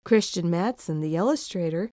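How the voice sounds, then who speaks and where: Reading a children's storybook, a woman with a lowish voice narrates in an expressive, deliberate way. It's a dry, studio-quality recording.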